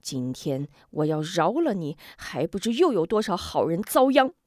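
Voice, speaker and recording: A woman's voice: on the low side, very animated, moderate pace, a little mellow, dry recording, clean studio sound. A woman voicing a fierce old beggar woman, a martial heroine who questions sternly and commands. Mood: stern, angry.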